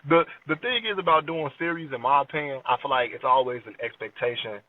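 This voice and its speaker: This is a casual podcast interview with a late-twenties rapper from Chicago, USA, whose medium-pitched voice moves briskly. His speech is informal and full of slang, with frequent checks that the listener is keeping up. The recording is dry yet dull and lo-fi, picked up from a distance.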